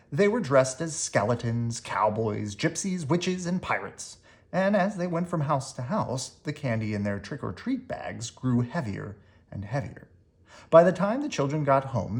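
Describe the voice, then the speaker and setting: Reading like it's a bedtime story for children, this storybook reader is very animated, letting the pitch rise and fall freely and stretching out key words for drama.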